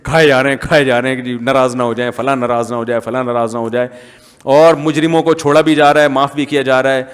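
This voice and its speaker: A man's voice: mid-range voice, fairly even intonation, clean tone. A man with a Pakistani Urdu accent giving a humorous, rhetorical reformist sermon as an Islamic scholar. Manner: humorous, rhetorical, mimics voices. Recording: long hall reverb.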